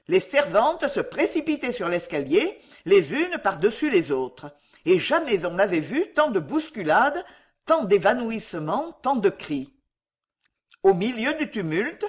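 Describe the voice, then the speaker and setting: Husky, lively woman reading a story. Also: mid-range voice. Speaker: audiobook reader. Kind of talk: scripted narration of a classic novel.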